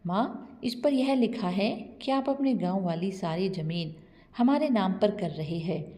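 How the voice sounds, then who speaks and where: Woman reading a smooth-talking scheming son for a storybook, warm tone, long reverb. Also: medium pitch, animated, a little slow, close to an everyday voice. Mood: coaxing. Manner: coaxing.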